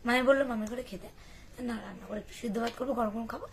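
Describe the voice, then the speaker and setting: A young woman from West Bengal with a hoarse voice, chatting casually and rambling to her camera as a vlogger. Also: fairly high pitch, very fast, slight background noise. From West Bengal, India. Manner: chatty, rambling, many fillers.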